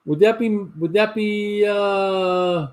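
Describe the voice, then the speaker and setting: A man in his sixties with a Southern drawl hosts a casual live cigar show from his garage. His voice sits at a medium pitch. He tells long, meandering stories, stumbling and restarting as he goes. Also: fairly even intonation, slow pace. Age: 60s. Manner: rambling storyteller with frequent restarts. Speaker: host of a livestream cigar talk show. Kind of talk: casual chat to a live audience. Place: home garage.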